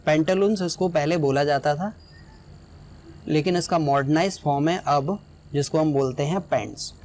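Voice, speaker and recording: Man explaining a lesson, fairly high voice. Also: normal speed, a little mellow. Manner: explanatory, often checks in with "right?". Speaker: teacher.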